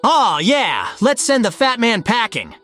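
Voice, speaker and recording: A man's voice: extremely high pitch, wildly swooping pitch, measured pace, a bit bright, soft background music, heavily acted. A man voicing a cocky, casual young hedgehog hero in a comic dub, breezy and slangy. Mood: upbeat.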